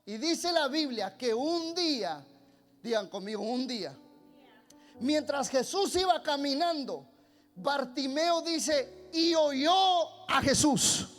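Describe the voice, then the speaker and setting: A male pastor preaching fervently, swinging from hushed asides to loud shouts and often repeating words as he builds. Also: extremely high pitch, lively intonation, takes it slowly, soft background music. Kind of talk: sermon.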